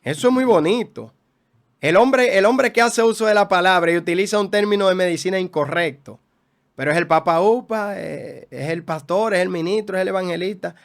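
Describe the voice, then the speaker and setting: A man, a guest pastor teaching in a preaching style, emphatic, with rhetorical questions and repeated phrases. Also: high-pitched.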